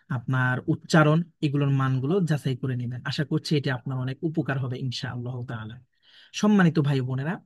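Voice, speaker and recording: A man leads an online Quran recitation class in a patient, step-by-step way. He sounds out each letter slowly and clearly, at a middle pitch. The sound is dry and close, with no room echo.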